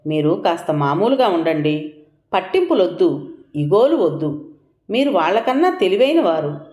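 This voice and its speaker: Woman doing gentle middle-aged wife, calm and soothing, echoey room. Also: fairly low pitch, normal speed.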